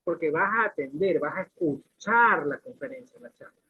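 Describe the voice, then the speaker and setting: A man's voice: on the high side, animated, moderate pace, slightly rough. A man teaching a class, explaining points with questions and everyday examples, often restarting his sentences. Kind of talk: classroom lecture. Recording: lo-fi phone-like recording.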